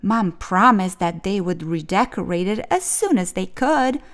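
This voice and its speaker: Unhurried and mid-range in voice, a female storyteller reads a children's picture book aloud with expressive, clearly phrased delivery.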